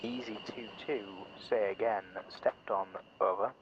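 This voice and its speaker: Low-voiced man over a radio. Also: fairly even intonation, a little slow, lo-fi sound, background noise. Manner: terse, formal call-and-response. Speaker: air controller in a military sim game. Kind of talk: clipped military radio procedure.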